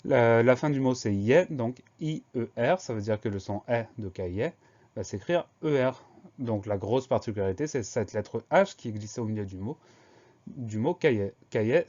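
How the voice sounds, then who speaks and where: Man slowly spelling words for dictation. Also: mid-range voice, darkish tone, highs cut off. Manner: slow, deliberate letter-by-letter spelling. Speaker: teacher.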